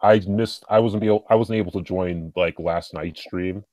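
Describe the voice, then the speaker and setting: A man's voice: low voice, fairly even intonation, moderate pace, darkish tone, dry recording. A man speaking as a podcast guest, rambling casually with lots of fillers like "and stuff.".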